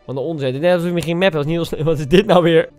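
A young man giving casual reaction commentary on video clips, teasing and incredulous, full of quick exclamations. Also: on the high side, steady tone, a little mellow, faint music behind. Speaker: YouTuber.

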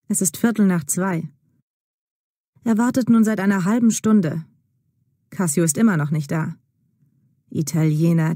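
A woman narrating a story slowly and clearly for language learners. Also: medium pitch, warm tone, no room sound, studio quality. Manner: slow, clear, deliberate reading.

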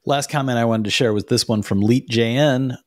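A man's voice: medium pitch, normal speed, dry recording. A man in his forties co-hosting a podcast from a room at home, chatting casually with wry joking asides into a studio mic. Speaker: podcast co-host. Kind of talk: casual chat. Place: home room with door and framed picture. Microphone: studio mic with pop filter.

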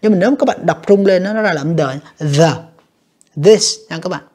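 Racing along at medium pitch in a slightly mellow voice, an English teacher reviews exam items. Each English choice is read out, then translated and judged, and the students are often addressed as "các bạn".

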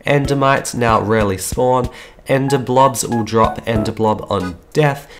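A man's voice: medium pitch, measured pace. A man with a sick-sounding voice hosts a game mod showcase voice-over, upbeat and repeating words for emphasis. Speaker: YouTube host. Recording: guitar music behind voice. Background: guitar background music.

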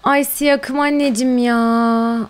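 A woman gaming streamer chats casually during a live-stream while playing, exclaiming, cooing at her pets, and talking to her viewers. Her voice sits high, with a steady, smooth tone, and she takes her time speaking.

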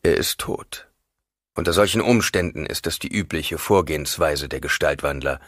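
Brief: male reader voicing a calculating ancient emperor, deep and lively in pitch, dry close mic. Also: moderate pace, no room sound. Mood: cool.

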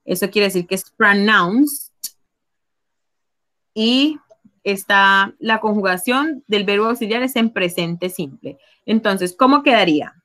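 Slow, patient woman teaching a class. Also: mid-range voice, animated, fairly bright tone. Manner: patient, explains step by step and prompts students. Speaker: English teacher. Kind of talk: online class explanation.

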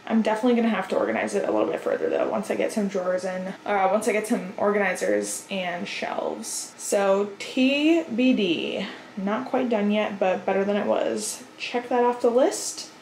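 A woman's voice: mid-range voice, animated, moderate pace, vocal fry, darkish tone, slight background noise. A young woman in her twenties chatting casually in a home vlog, rambling with lots of "like" and "um.". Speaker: lifestyle vlogger. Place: home kitchen and bathroom. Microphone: on-camera mic.

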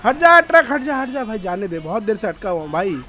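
A young man giving excited gameplay commentary, with loud, frantic outbursts and phrases repeated over and over. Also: high voice, fast. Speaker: gaming YouTuber.

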